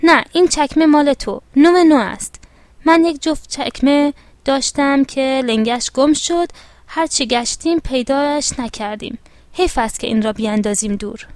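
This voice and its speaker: A woman's voice: high-pitched, darkish tone, no echo, natural voice. A woman voicing a young girl who is eager and persistent, asking pleading questions.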